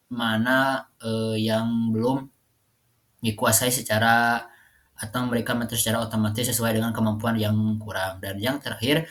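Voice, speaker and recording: A man's voice: fairly low pitch, fairly bright tone. A young man, a university student, giving a class presentation with frequent fillers and restarts. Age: young adult. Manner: hesitant, many fillers and restarts.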